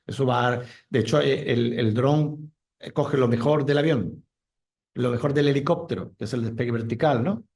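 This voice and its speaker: A man's voice: mid-range voice, normal speed, darkish tone. A man who is a commercial airline pilot, speaking with enthusiasm at a conference talk and explaining with examples. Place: lecture room.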